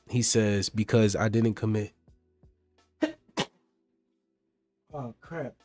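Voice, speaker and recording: A man's voice: fairly low pitch, a little mellow, dry recording. Man, live streamer, casual chat, greets viewers, dry close mic, faint music behind. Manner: chatty, addresses chat viewers by name. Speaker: streamer reading documents and chatting with viewers.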